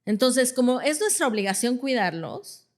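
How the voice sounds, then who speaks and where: A woman, a clinical psychologist explaining calmly with everyday examples and checking in with "ajá". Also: a little high, moderate pace. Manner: acts out quoted parents in a different voice. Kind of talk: conversational explanation.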